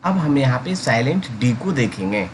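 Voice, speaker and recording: A man teaching English pronunciation in Hindi, repeating each word slowly and calling his listeners guys. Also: medium pitch, very animated, a little hiss or hum. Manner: slow, drawn-out repetition of each word. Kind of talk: pronunciation lesson.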